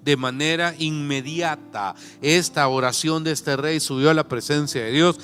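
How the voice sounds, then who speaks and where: A male pastor with a Salvadoran accent preaching a sermon, reading scripture slowly and then breaking into folksy conversational asides. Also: a little high, fairly even intonation, a bit bright. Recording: reverberant church hall with faint music.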